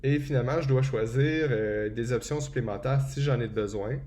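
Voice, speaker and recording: A man walks through a software setup step by step in a relaxed tutorial, often pausing with hesitations. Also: medium pitch, a little hiss or hum. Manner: relaxed and explanatory, frequent hesitations. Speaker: tutorial presenter. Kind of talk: screen-recorded software tutorial.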